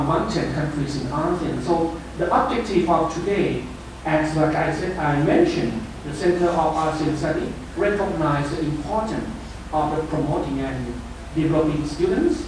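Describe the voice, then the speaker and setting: A man's voice: fairly high pitch, measured pace. A middle-aged man, head of a university center, giving a loose, rambling welcome speech with frequent "you know". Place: large lecture room. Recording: very echoey room, distant mic, audible hiss.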